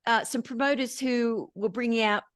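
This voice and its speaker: An Australian woman telling lively stories as an interview guest, often laughing between anecdotes. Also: a little high, moderate pace, no echo, studio quality. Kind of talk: storytelling in casual interview chat.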